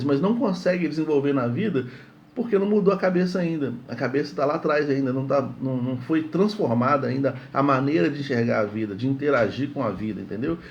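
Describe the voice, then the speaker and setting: A man's voice: a little high, a little mellow, highs cut off. A man giving a morning devotional sermon in a conversational way, often repeating words and checking in with "entende?". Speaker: preacher.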